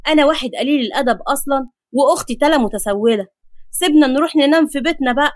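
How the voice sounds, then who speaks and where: A woman's voice: sits high, very fast, dry recording, lightly acted. A woman with an Egyptian accent voicing a cheeky, sarcastic young grandson. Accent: Egyptian Arabic. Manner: sarcastic, teasing.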